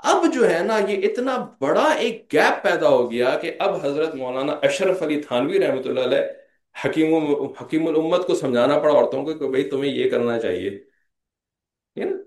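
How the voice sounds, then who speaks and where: A man's voice: a little high, animated, normal speed. A man delivers an Islamic lecture in a slightly raised voice. He talks conversationally, slips English phrases in, and keeps checking in with his audience. The room is echoey. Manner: conversational, repeats "theek hai" as a check-in; mixes English phrases into speech. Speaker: religious lecturer.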